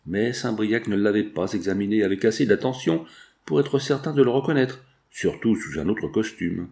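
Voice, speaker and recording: A man reading a classic novel aloud as an audiobook in a steady narration. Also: fairly low pitch, moderate pace, creaky. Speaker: audiobook reader. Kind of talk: scripted narration.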